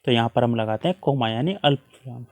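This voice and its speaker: A man's voice: mid-range voice, fast, a little mellow. A man teaching a worksheet lesson to children, patiently explaining with repeated examples.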